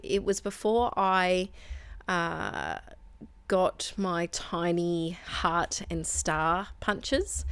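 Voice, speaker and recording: In a dry recording, a smooth, lowish female voice belongs to an Australian scrapbooking channel host. She rambles through a voice-over of her process video, with asides and self-corrections, while losing her voice to a sore throat.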